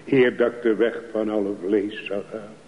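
A man preaching a sermon in a slow, pleading way that rises to fervent calls. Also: fairly low pitch, level tone, a little hiss or hum. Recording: dull, echoey church recording.

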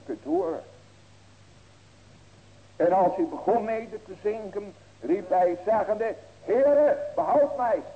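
Pastor preaching with sudden cries. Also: male voice, high-pitched, highs cut off. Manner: preaching with sudden loud raised cries and rhetorical questions. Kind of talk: sermon.

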